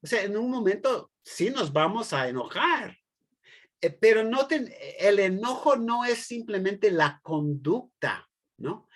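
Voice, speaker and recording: A teacher with a mid-range voice lectures a class hesitantly, using many fillers, restarts, and tag questions, and explains ideas through everyday examples.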